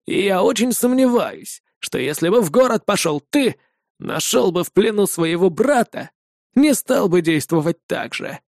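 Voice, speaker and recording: A man's voice: high voice, expressive, unhurried, a little mellow, no room sound, studio quality, exaggerated voice. A man voicing a stern, devout old viking warrior who talks bluntly and barks his words. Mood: calm rebuke. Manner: gruff, barking. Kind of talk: audiobook character voice.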